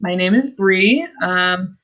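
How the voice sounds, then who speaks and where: A woman's voice: medium pitch, takes it slowly. A woman from the United States speaking as a panelist over a video call, conversational with a few ums. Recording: tinny call audio.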